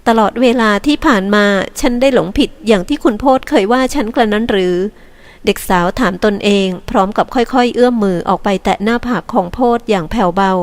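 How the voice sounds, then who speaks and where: Woman reading a novel aloud, measured. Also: medium pitch. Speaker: audiobook narrator. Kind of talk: scripted novel narration.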